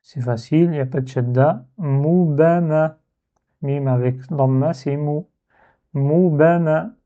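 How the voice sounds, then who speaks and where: A man with a medium-pitched voice teaches a reading lesson step by step at normal speed, his intonation fairly even. He patiently repeats syllables to show how they're pronounced. The lo-fi recording sounds dull and muffled.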